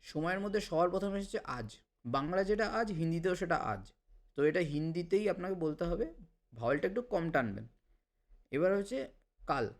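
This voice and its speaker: A man teaching a language lesson, saying each word and then repeating it slowly, with English phrases mixed in. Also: sits high, animated.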